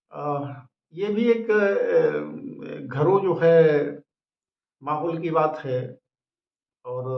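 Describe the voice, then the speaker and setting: A man reciting his own comic verse, speaking slowly, repeating each couplet and chuckling at his own lines. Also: a little high. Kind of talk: humorous poetry recitation. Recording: echoey dull lo-fi recording.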